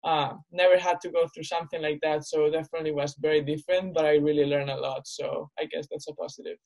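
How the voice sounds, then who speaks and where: A woman's voice: low-pitched, fast talker, gravelly, low-quality recording. A young woman from northern Spain, a college basketball player talking casually as a podcast guest. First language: Spanish. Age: young adult. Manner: relaxed, conversational, many fillers like "you know". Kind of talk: casual interview.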